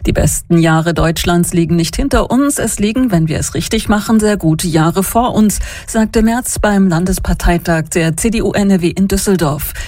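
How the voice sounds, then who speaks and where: Woman, radio news presenter, even formal reading, low-ish voice, dry close mic. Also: normal speed, few pauses, dry recording.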